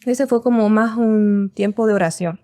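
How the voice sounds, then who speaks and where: Chilean girl, late 20s, rambling storyteller, mid pitch, dead dry mic. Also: normal speed, mellow, dry recording. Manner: storytelling with restarts. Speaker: guest. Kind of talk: casual podcast conversation.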